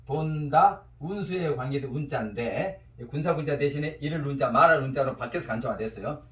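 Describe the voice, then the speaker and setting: A man teaching a class, lecturing in an animated way and having students repeat after him. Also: medium pitch, brisk. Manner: animated, quizzes students and has them repeat. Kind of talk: classroom lecture with call-and-response drills. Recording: roomy echo, mic at a distance.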